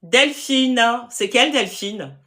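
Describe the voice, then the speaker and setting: A woman's voice: on the high side, lively intonation, takes it slowly, bright, forceful tone. A woman with a Parisian French accent, hosting a live stream to sell land and answering viewer comments in a direct, firm way. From France.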